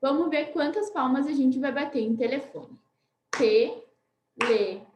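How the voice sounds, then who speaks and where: A Brazilian woman teacher giving a recorded class for young children, patiently spelling words out slowly and often checking in with "né?". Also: sits high, a little mellow, roomy sound, a little hiss or hum, rough recording. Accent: Brazilian Portuguese. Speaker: primary school teacher.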